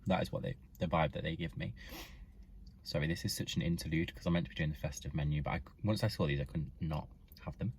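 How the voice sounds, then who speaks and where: A young man casually reviewing fast food to camera from inside his car, chatting between bites and often talking with his mouth full. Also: very deep voice, a little mellow, a little hiss or hum. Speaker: vlogger.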